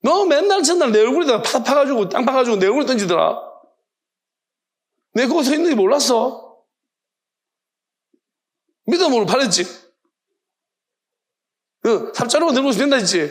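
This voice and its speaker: A man's voice: high-pitched, lively intonation, moderate pace, long pauses. A man voicing God as a stern, fed-up male figure who scolds bluntly. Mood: scolding. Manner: blunt, rough rebuking.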